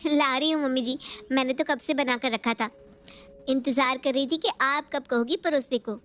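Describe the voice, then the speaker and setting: A woman's voice: high-pitched, normal speed, a bit bright. A woman voicing a sweet young daughter-in-law. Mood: eager. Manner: sweet, earnest. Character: eager young daughter-in-law, easily hurt. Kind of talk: cartoon story voice acting.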